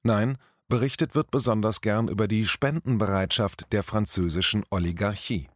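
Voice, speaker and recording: A man with a lowish voice reads a written commentary in a measured, deliberate way. The sound is dry and close, with no room around it. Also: no room sound. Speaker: commentary reader. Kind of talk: scripted commentary reading.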